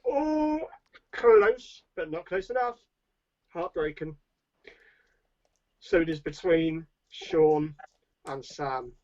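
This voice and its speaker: A man's voice: a little high, slow pace, long pauses, darkish tone, lo-fi sound. A man, a youth pastor, hosting a playful game show over a video call, teasing the others and handing out points. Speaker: youth pastor, stream host. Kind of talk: casual group chat, game hosting.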